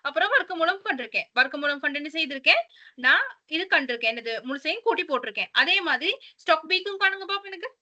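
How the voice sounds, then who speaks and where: A woman's voice: high voice, lively intonation, quick pace, pushed and bright. A woman, teaching a class step by step in a patient manner. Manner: patient, step-by-step, mixes English terms. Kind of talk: online class explanation.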